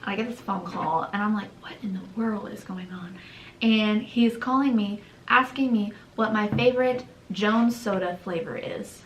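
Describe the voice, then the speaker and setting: A young woman co-hosting a channel, telling a story in a casual, animated way, acting out quotes and laughing often. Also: medium pitch, moderate pace, a little hiss or hum. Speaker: channel co-host. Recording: echoey room.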